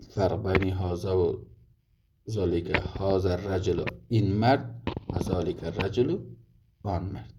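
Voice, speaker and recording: A man teaching Arabic grammar step by step, working through many examples and restarting often. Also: sits low. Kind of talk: recorded grammar lesson summary. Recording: dull lo-fi audio with clear noise.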